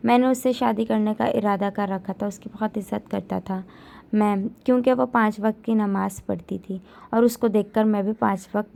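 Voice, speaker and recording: Female storyteller, gravelly texture, heartfelt first-person narration. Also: mid-range voice, a little mellow.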